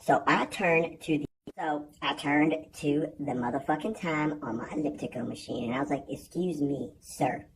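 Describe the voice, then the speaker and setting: A man's voice: a little high, steady tone, moderate pace, creaky, a little hiss or hum, low-quality recording. A man telling a comedic story in an exasperated, profane way, acting out the other people's lines himself. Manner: exasperated, profane, acts out quoted voices. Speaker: vlogger.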